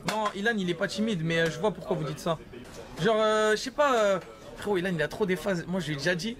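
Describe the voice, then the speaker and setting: Man, high voice, rapid animated anecdote, crowd chatter behind. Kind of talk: casual anecdote in a clip.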